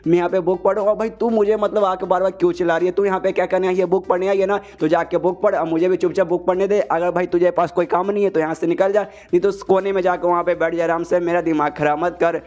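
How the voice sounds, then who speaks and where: A man's voice: high voice, steady tone, fast talker, hardly any pauses, a little mellow, muffled recording, lightly acted. A man reading the lines of a brash young male teacher in a comic recap, slangy and blunt. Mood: irritated. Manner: slangy, keeps saying "bhai".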